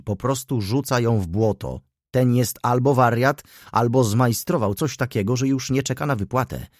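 A man's voice: mid-range voice, a little mellow, no echo, clean studio sound, close to an everyday voice. A man voicing an indignant older male councillor who fires off heated rhetorical questions, in an audiobook reading.

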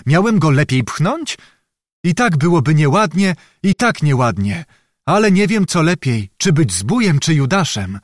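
A man's voice: a little high, very animated, measured pace, dry recording, studio quality. A man voicing a shrewd, phlegmatic young male servant who tells his story in a sly, matter-of-fact way. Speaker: storyteller within the tale.

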